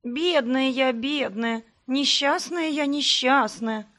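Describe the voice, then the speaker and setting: Woman as a joking young heroine, mock whine, bright, a touch high. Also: slow. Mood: mock whining. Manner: mock-whiny, playful.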